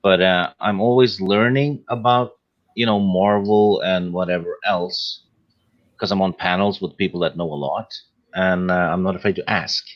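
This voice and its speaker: A man with a lowish voice speaking modestly and haltingly in casual chat. The sound is dull and lo-fi. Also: steady tone. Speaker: chat guest.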